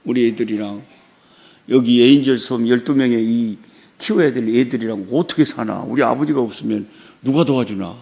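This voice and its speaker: Gravelly middle-aged Korean pastor preaching. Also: male voice, mid-range voice, moderate pace, warm tone. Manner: storytelling, acting out quoted voices. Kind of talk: sermon with personal testimony. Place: church sanctuary.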